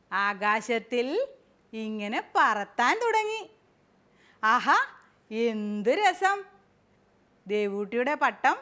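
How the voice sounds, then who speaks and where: A woman's voice: on the high side, fairly bright tone. A woman kindergarten teacher telling a story to small children, coaxing and sing-song, stopping often to ask them questions.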